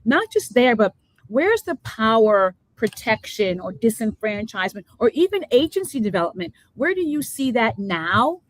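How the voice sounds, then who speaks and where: A woman's voice: a little high, very animated, normal speed, poor audio. A woman from the Bronx with a New Jersey accent, hosting a live talk show with emphatic, affirming remarks. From the Bronx, New York. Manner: emphatic, affirming, repeats key points. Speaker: host.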